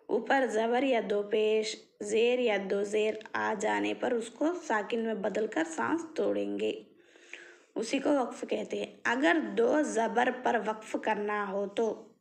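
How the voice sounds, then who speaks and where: A woman teacher speaking at a very unhurried pace with a fairly high voice. She poses questions to her class and answers them herself, drawing each example word out slowly. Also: creaky. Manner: draws out example words very slowly. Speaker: Quran reading teacher. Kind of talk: slow step-by-step lesson.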